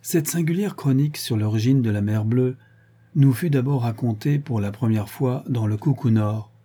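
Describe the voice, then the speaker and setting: A man reading a nineteenth-century travel account aloud as an audiobook, in measured storytelling narration. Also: medium pitch, mellow, slightly rough. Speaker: audiobook reader. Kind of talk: scripted narration.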